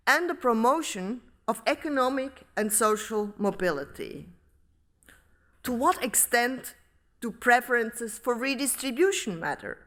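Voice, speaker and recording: Middle-aged woman, deliberate academic address, somewhat high pitch, podium mic in a big hall. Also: sharp tone. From Switzerland. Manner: measured, deliberate reading from notes. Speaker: professor giving inaugural lecture. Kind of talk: formal academic speech. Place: large hall. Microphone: podium microphone.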